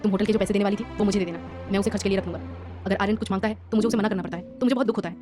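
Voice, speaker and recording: A woman voicing a young father who keeps his temper and speaks softly in a storybook reading. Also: mid-range voice, steady tone, racing, over music, natural voice. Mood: restrained. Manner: soft, restrained. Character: patient young father, man.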